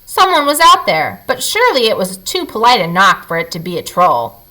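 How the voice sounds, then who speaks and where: Here a woman with a mid-range voice narrates a picture book for kids, keeping a moderate pace. The recording is rough, but her storytelling is expressive and dramatically emphasized for young ears.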